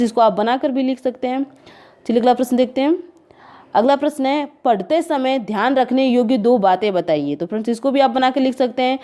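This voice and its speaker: A woman's voice: fairly high pitch, warm tone. A woman tutor going through exam questions and answers, calling her viewers friends and saying "okay" after each point.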